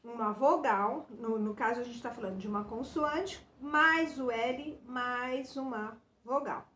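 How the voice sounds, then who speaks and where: Slow, patient Brazilian woman teacher. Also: on the high side, fairly bright tone, roomy sound, slight background noise. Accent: Brazilian Portuguese. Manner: slow, patient, spells out syllables and letters; addresses children directly, many fillers like "né" and "então". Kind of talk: remote lesson walking through a workbook.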